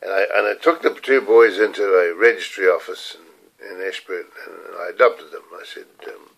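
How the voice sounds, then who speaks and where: Man, 70s, New Zealand accent, lowish voice; rambling, candid home video diary. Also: normal speed, vocal fry, a bit bright, low-quality recording. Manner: rambling, candid, swears casually. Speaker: video diarist. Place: room at home.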